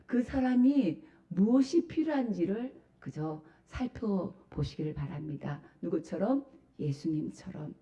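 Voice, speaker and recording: A woman pastor delivers an emphatic Sunday sermon, often putting questions to her congregation. Her voice sits low and mellow but rises and falls widely as she preaches. The church recording sounds dull and lo-fi. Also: animated, a little slow. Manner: asks the congregation rhetorical questions. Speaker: senior pastor. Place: church sanctuary.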